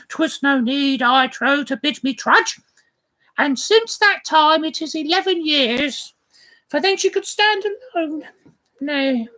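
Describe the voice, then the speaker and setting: A fond old nurse rambles through her memories, giggling between every thought, as a woman acts her out. Her voice sits very high and her delivery is unhurried and drawn out, like a stage play reading. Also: a bit bright, heavily acted.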